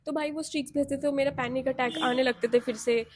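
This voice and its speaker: A young woman with an Indian accent telling a personal story to camera in a candid, animated, self-mocking way. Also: high-pitched, fast, crowd noise. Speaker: vlogger.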